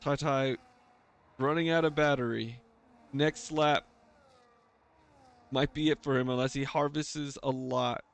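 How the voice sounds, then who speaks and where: A man's voice: mid-range voice, fairly even intonation, measured pace, gravelly, pauses often, clear, resonant tone. A man giving live, casual motorsport commentary as a race commentator for an online league.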